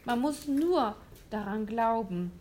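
A woman's voice: fairly high pitch, lively intonation, darkish tone, a little hiss or hum, close to an everyday voice. A woman voicing an earnest, hopeful young boy in a storybook reading. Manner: earnest, slow and heartfelt.

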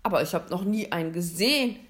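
A woman voicing a jolly, excitable, giant Santa Claus in a read-aloud storybook, loud and playful. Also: lowish voice, quick pace, natural voice.

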